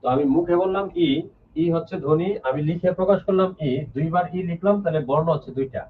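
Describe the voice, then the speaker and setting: A man with a high voice teaches a live online grammar lesson at a fast pace, walking through it step by step, repeating key points and reading viewers' names aloud. He is distant from the mic, so the lo-fi, phone-like audio picks up slight background noise.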